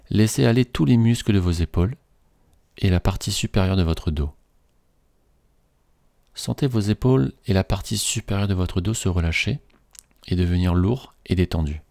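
Man, relaxation guide, soothing measured delivery, mellow dark tone, dry close sound. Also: low-pitched, gravelly, no room sound.

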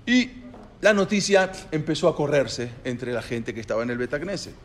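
A man telling a story in a lively, dramatic narrating style. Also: on the high side, normal speed. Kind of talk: oral storytelling.

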